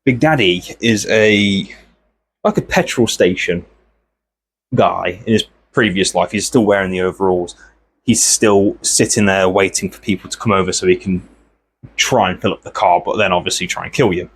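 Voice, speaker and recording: A man, host of an art channel, chatting casually and meandering from thought to thought while he works, often clearing his throat. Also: low voice, normal speed.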